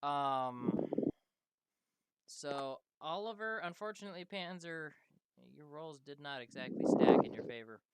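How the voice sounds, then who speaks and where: A man's voice: fairly high pitch, animated, unhurried, very noisy. A man narrating a tabletop game as game master, casual, with frequent ums and restarts.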